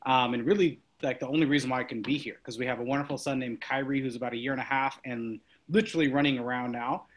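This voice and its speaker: A man's voice: mid-range voice, fairly even intonation, fast, hardly any pauses. A man in his thirties from Los Angeles, giving an earnest, upbeat personal introduction with some fillers. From Los Angeles, California.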